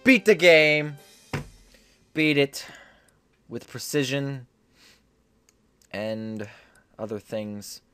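A man's voice: medium pitch, animated, drawn-out words, long pauses, sharp tone, clear, resonant tone, dry recording, soft background music. A young man giving casual gameplay commentary, repeating short phrases to himself. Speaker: gaming video host.

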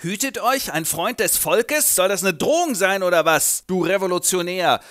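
A man's voice: sits high, animated, moderate pace, a bit bright, pitched above the performer's own voice. A man voicing an arrogant young count who reacts with indignation. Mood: indignant.

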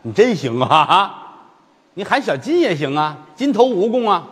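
A man voicing a playful little boy who is a centipede spirit, speaking in a high childish voice and repeating himself. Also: very animated, unhurried, slightly rough, in a large hall, heavily acted. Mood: teasing.

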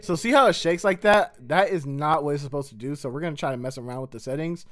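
A man with a slightly high voice, talking casually and loosely like he's showing a friend his screen. He walks through each step in a relaxed, slangy way, recorded close on a desk mic. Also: fast talker. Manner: laid-back, slangy, talks through steps on screen. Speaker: music producer. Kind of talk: casual tutorial walkthrough.

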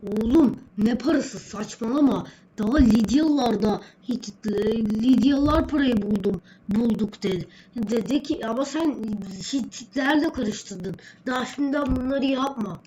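A woman's voice: fairly high pitch, a little slow, warm tone, slight background noise, close to an everyday voice, low-quality recording. A woman voicing a stern, bossy male schoolteacher who quizzes and scolds a pupil in a homemade skit. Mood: scolding. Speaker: social studies teacher character.

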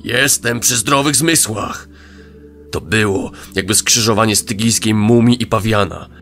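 Deep, booming barbarian king, played by a man, proud and fierce, growling out his words. Under him a faint music bed runs through the fantasy audio drama. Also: normal speed, fairly bright tone.

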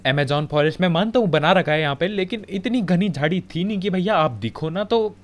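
A man's voice: high-pitched, animated, a little fast. A young man with a Hindi accent giving casual, joking commentary over his own game footage. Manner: chatty, joking, colloquial filler-heavy. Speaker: gaming commentator.

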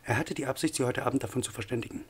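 A man voicing a smug, patronizing male company official with a husky voice. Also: mid-range voice, very fast, close to an everyday voice. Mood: curt.

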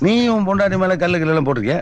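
An actor playing a boastful, cowardly, fast-talking village uncle in a film comedy. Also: male voice, high voice, lively intonation, faint music behind. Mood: wisecracking. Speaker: comic sidekick uncle.

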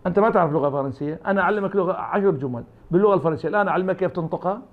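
Rapid-fire and high-pitched, an Iraqi academic guest with an Iraqi Arabic accent answers interview questions over phone-quality sound. He argues forcefully, framing his points as imagined back-and-forth exchanges.

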